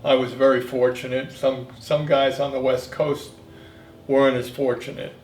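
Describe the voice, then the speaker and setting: A man in his seventies, a military veteran, reminiscing in an interview in a halting, reflective way. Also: medium pitch, flat delivery, darkish tone. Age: 70s. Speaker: Vietnam veteran being interviewed. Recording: echoey room, distant mic, faint noise.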